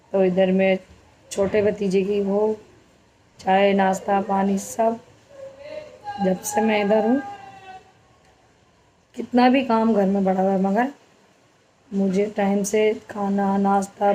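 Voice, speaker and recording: A soft-spoken woman from India narrates her family vlog in a slow, unhurried way. Her voice is mellow and dark-toned, and her pitch stays flat and even. She sounds homely and chatty. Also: slight background noise, poor audio. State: injured leg. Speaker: family vlogger.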